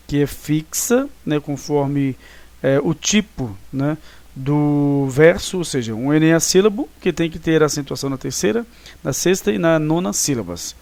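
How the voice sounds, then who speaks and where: A man teaching in a recorded online lesson, with a voice a bit higher than most men. He explains step by step and counts syllables aloud carefully. He often stops to check that his students follow. The sound is dry and close. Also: creaky, darkish tone, dry recording. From Brazil. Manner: explanatory, checks understanding with frequent tag questions; counts syllables slowly and deliberately.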